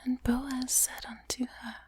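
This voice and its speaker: A woman reading scripture in a soft, breathy ASMR whisper, slowly and evenly, doubled with layered whispers. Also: high voice, slight background noise. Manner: slow, hushed, even delivery.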